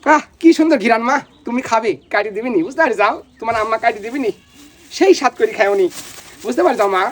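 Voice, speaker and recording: A woman speaks in a tender, coaxing voice, pitched a little high. She keeps repeating soft endearments and gentle questions, like she is talking lovingly at home. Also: fast talker. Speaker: farmer vlogger. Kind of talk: affectionate home vlog.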